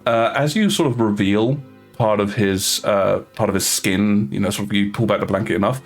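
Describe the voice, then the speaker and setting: Low voiced guy dm-ing a tabletop game, lots of uhs, music faint behind. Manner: relaxed, halting narration with many fillers. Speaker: game master.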